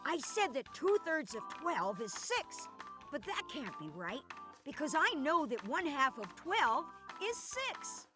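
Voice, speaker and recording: A woman playing a theatrical, excitable magician who poses riddles in an educational computer game. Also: high voice, music in the background. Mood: puzzling aloud. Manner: theatrical, exclamatory, slow showy delivery. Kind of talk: scripted educational game character acting.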